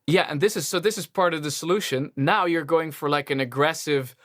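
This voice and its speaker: A man with a Dutch accent coaching a singer through a one-on-one singing lesson, relaxed and encouraging. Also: fairly quick. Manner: relaxed, encouraging, demonstrates high sung lines. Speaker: vocal coach.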